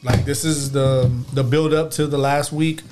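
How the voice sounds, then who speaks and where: A man's voice: a little high, flat delivery, measured pace, darkish tone, faint music behind. A man hosting a casual podcast chat, talking loosely with lots of fillers and frequent laughs. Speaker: podcast host.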